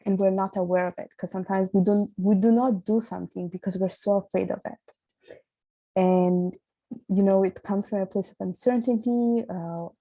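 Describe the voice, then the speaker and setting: A woman's voice: mid-range voice, mellow, dry recording, low-quality recording. A young woman with an Italian accent, a podcast guest talking earnestly in a casual interview and often restarting her sentences. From Italy.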